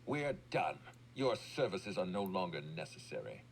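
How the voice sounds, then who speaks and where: A man's voice: deep voice, wildly swooping pitch, moderate pace, gravelly, heavily acted. A bossy, exasperated businessman from a video game, formal and huffy, voice jumps around, slight noise. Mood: indignant, stern. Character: imperious, indignant businessman hiring an investigator.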